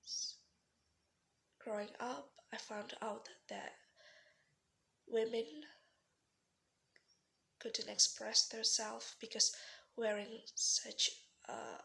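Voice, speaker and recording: A young woman from Indonesia with an Indonesian accent, giving a rehearsed formal speech as a student in earnest, pausing style with slips and restarts. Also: fairly high pitch, little pitch movement, gravelly, pushed and bright. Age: young adult.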